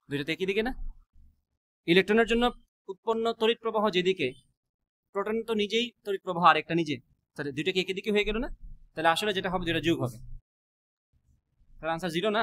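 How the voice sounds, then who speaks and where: A man teaches a physics class, quizzing students with quick rhetorical questions and mixing English math terms into his speech. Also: high-pitched, fairly bright tone. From Bangladesh.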